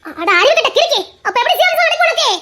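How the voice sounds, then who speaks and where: A woman voicing a sharp-tongued rural mother with a Tirunelveli Tamil accent who scolds and mocks. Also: very high-pitched, big pitch swings, fast, pitched above the performer's own voice, exaggerated voice. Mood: mocking. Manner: scolding, mocking.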